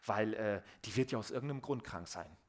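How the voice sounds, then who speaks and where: Male preacher voicing a hesitant, mumbling Jesus parody, pitched low and soft. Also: animated, brisk, close to an everyday voice. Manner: hesitant, mumbling, full of fillers. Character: dithering, overcautious Jesus, grown man, parody.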